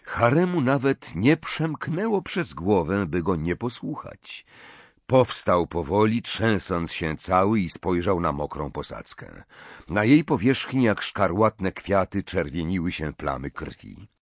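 A man narrating an audiobook in an expressive, tense storytelling manner. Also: low-pitched, measured pace, dry recording.

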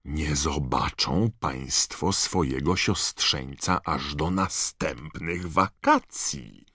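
A man's voice: extremely low pitch, huge pitch swings, takes it slowly, no echo, studio quality, full character voice. A man voicing a polite, kindly middle-aged wizard father, speaking courteously. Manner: courteous, gently persuasive.

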